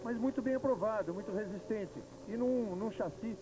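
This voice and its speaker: A high-pitched Brazilian man gives live motorsport analysis. He explains things methodically, point by point. Loud engine noise runs through the old television broadcast. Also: moderate pace. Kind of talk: live technical racing analysis. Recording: very noisy 1990s TV broadcast.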